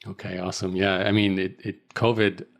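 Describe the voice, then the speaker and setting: Deep-voiced Australian-born male host. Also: level tone, normal speed, gravelly. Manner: chatty, rambling with restarts and laughs. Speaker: podcast host. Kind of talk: casual interview chat.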